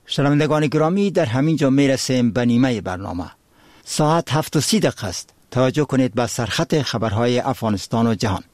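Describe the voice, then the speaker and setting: A man's voice: medium pitch, animated. A man with an Afghan Dari accent reads scripted radio news headlines in a solemn, formal newsreader manner. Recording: loud music bed behind the voice.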